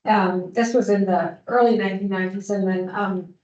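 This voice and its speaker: A woman in her fifties from Germany, a panel speaker explaining her work in a fluent, measured way. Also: mid-range voice, steady tone, darkish tone. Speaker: invited speaker. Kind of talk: academic panel answer. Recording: echoey dull sound.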